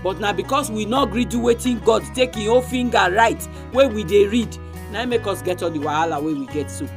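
A Nigerian woman introduces a religious radio programme in Nigerian Pidgin. Her voice sits at an ordinary pitch, and instrumental music plays clearly behind her. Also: a little fast.

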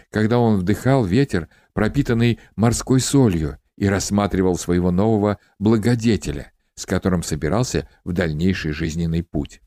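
A man narrating a novel as an audiobook in a measured storytelling manner. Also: fairly low pitch, warm tone, no room sound, clean studio sound. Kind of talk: scripted narration.

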